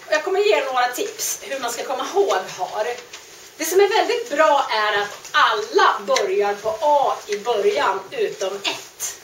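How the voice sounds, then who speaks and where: A woman teaching French grammar, explaining patiently and repeating each word slowly. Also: a little high, expressive, slight background noise. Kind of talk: grammar lesson. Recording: echoey room, mic at a distance.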